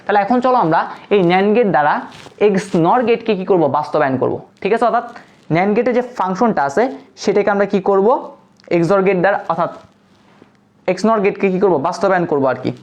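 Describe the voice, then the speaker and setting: Quick-talking woman tutor, lo-fi sound. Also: mid-range voice, a little mellow. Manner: patient, asks and answers her own questions. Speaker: online tutor. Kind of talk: live class lecture. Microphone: phone. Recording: dull lo-fi stream audio.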